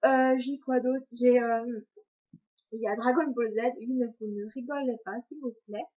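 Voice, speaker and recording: A woman's voice: a little high, fairly even intonation, measured pace, breathy edge, dull audio. A young woman chatting casually to camera as a vlogger, rambling, tripping over her words and poking fun at herself. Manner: rambling and self-mocking, trips over words. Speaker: vlogger answering viewer questions.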